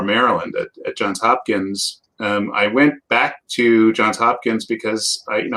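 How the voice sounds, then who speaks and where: A man's voice: fairly low pitch, a bit bright, low-quality recording. A middle-aged man from Canada, answering as a guest expert in a thoughtful, conversational way with frequent restarts.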